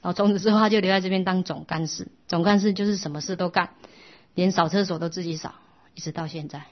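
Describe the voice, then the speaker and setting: A woman teaching a Buddhist dharma talk, telling a story in a gentle, storytelling way. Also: on the low side, fairly even intonation, fast talker. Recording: dull lo-fi sound.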